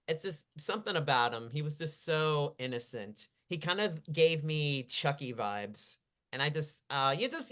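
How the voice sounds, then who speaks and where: A woman in her thirties hosting a casual studio podcast, laid-back and trailing off softly. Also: low voice. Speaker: podcast host. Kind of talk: casual chat.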